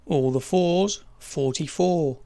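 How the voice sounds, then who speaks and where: A bingo caller announcing numbers in measured, formulaic set phrases. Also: medium pitch, creaky, warm tone, no room sound, studio quality.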